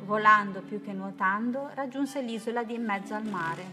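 A woman reading a children's bedtime story aloud in a gentle, lilting way. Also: medium pitch, normal speed. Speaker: narrator. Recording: music playing behind.

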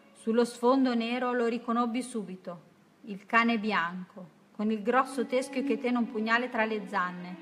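A woman reads a first-person storybook in a steady, measured way. Her voice sits somewhat high, and soft music plays faintly beneath her. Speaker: audiobook narrator.

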